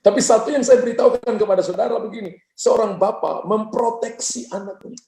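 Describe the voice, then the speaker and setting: A man's voice: high voice, a little fast. A middle-aged male pastor preaching a sermon, urging the congregation to respond and telling stories with quoted dialogue. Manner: lively storytelling with quoted dialogue. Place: church hall. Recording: echoey church hall.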